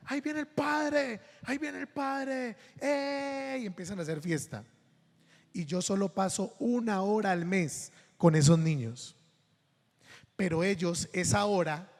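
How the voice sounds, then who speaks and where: A man's voice: a little high, darkish tone, in a large hall. A Colombian man, a priest giving a sermon, telling funny anecdotes and acting out the voices of the people in them. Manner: anecdotal, humorous, acts out quoted voices.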